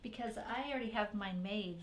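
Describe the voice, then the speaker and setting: A woman's voice: mid-range voice, fairly quick. A woman hosting a live craft show, chatting playfully and joking with her co-host as she works. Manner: chatty and playful, jokes and laughs often.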